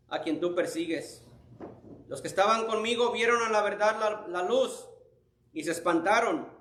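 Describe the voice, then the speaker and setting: A man plays an earnest, awed apostle telling his own story in a fervent, emphatic voice that sits high. He slows down on the key moments. The sound carries a roomy echo. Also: fairly bright tone. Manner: fervent first-person retelling, slow and emphatic.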